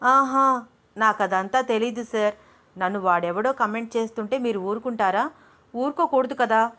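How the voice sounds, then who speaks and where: A woman voicing a jealous, quick-tempered young woman in love, speaking sharply in a raised voice in a storybook reading. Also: close to an everyday voice. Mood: jealous angry. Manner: sharp, indignant, raised pitch.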